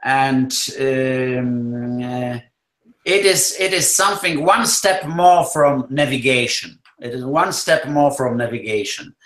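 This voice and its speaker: Echoey Polish-accented man, halting delivery. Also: medium pitch, steady tone, fairly bright tone. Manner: halting, searching for words, repeating phrases. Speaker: neurosurgeon, interviewee. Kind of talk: expert interview answers. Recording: roomy, echoey sound.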